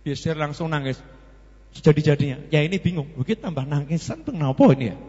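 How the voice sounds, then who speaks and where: A man with a Javanese accent preaching a sermon, animated and telling stories, acting out the dialogue as he goes. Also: on the high side, quick pace, breathy edge. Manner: animated, acts out dialogue in the story, mixes in Javanese. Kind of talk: sermon with storytelling. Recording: lo-fi echoey hall.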